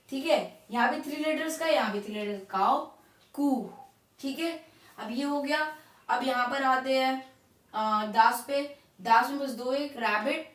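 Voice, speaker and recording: A woman teaching German vocabulary in casual Hinglish, slowly repeating each word and often checking in with her viewers. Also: high-pitched, recorded from a distance. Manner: repeats words slowly, checks in with "ठीक है" and "guys". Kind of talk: casual classroom explanation. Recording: roomy echo, voice off-mic.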